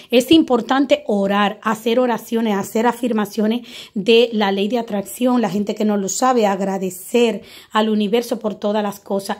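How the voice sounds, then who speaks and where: A woman's voice: on the high side, a little mellow. A woman who works as a spiritual medium, giving spiritual and money advice straight to her viewers and often tagging her points with a questioning "eh?". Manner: preachy, addresses viewers directly with frequent "eh?"; acts out little dialogues in her talk.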